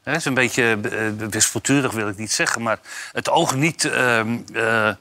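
A man with a bright, forward voice talks football in a casual podcast chat. He hesitates often and fills the gaps with drawn-out "eh"s. His pitch sits in the middle. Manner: hesitant, many "eh" pauses. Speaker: football pundit.

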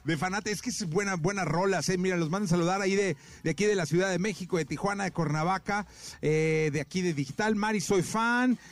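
A man with a Mexican accent hosting live radio in a studio booth, joking in quick slang and laughing often. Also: high voice. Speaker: radio host.

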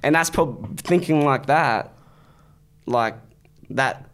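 A man with an Australian accent chatting casually as an interview guest, blunt and animated, with heavy slang and swearing. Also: mid-range voice, slow. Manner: blunt, animated storytelling with repeated "bro" and "like".

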